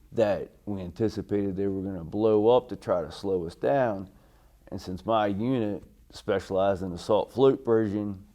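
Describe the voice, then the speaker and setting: A middle-aged American man, a military veteran, recalling his service in an interview in a halting, polite way. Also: on the low side, dark tone. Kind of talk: oral history interview, recalling army service.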